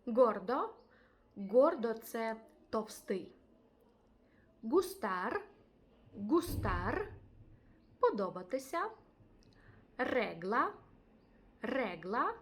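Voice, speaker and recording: A woman with a Ukrainian accent teaching a language lesson, patiently saying each example word twice. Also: on the high side. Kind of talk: video lesson.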